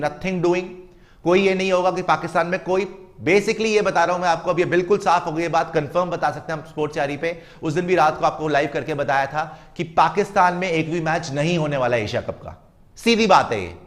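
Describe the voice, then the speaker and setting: Emphatic man lecturing on cricket. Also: a little high. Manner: emphatic, lecturing, mocking imitations. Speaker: cricket commentator. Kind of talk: opinionated cricket commentary.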